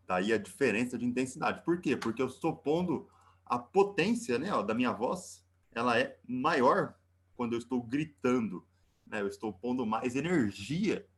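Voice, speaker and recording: A man's voice: medium pitch, a bit bright. A man with a Brazilian accent teaching a live online class, chatty and joking, ending nearly every phrase with a questioning "né?". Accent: Brazilian Portuguese. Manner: joking, teasing asides. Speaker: physics teacher.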